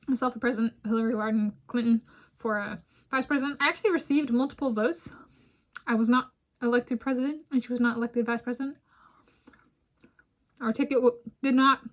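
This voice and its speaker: A woman from the United States, in her thirties, records casual food vlogs indoors among her bookshelves. Her slightly high-pitched voice sounds a bit bright as she rambles and digresses between mouthfuls.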